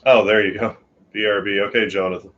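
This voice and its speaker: A man's voice: on the low side, little pitch movement, quick pace, a bit bright, muffled recording. A tired man from Canada chatting casually and rambling on a late-night live stream from his bedroom. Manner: sleepy, rambling, yawning. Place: home bedroom.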